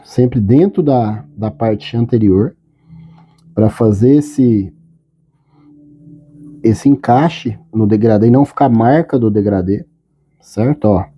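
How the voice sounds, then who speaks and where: Calm and patient, a man walks through a drawing tutorial step by step, often checking in with brief questions. His voice is medium-pitched and husky, and the sound quality is lo-fi.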